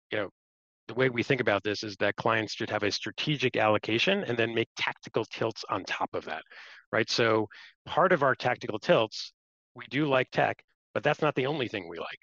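A man's voice: medium pitch, a bit bright. A man giving unscripted, explanatory market commentary as an investment strategist on a panel. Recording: roomy, slightly muffled livestream audio.

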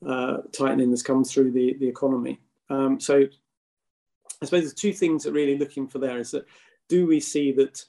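A man speaks as an expert guest in an interview, in a mellow voice with little variation in pitch. He explains things in long, winding, hesitant sentences. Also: gravelly. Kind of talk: podcast interview commentary.

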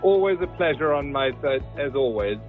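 A man giving prepared remarks as a podcast guest on investments, in a measured, steady delivery. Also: mid-range voice, faint music behind. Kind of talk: prepared remarks read aloud. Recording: tinny phone-like line, dry.

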